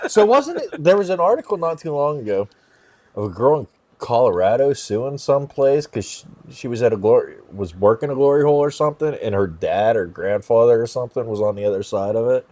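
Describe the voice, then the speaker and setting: A man's voice: medium pitch, animated, fairly quick, mellow. Man tossing in crude one-liners. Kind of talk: crude casual banter.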